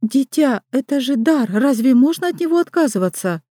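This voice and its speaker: Lady doing a fussy kind midwife in an audiobook, higher voice, dry close sound. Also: lively intonation, normal speed, mellow, no echo. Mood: pleading. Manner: fretful, doting, folksy exclamations.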